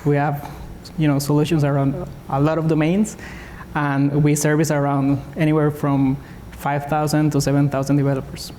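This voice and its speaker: A man from Costa Rica on a conference panel, explaining in a relaxed way with frequent "you know". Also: a little high, moderate pace, slight background noise. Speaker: senior DevOps engineer, panelist. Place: conference stage. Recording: hall reverb with faint ambience.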